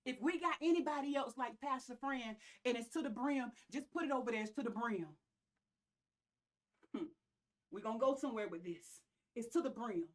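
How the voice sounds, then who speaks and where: High-pitched Southern US woman preaching. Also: normal speed. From American South. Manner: emphatic, repeats key phrases, folksy interjections. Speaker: pastor preaching. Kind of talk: church sermon.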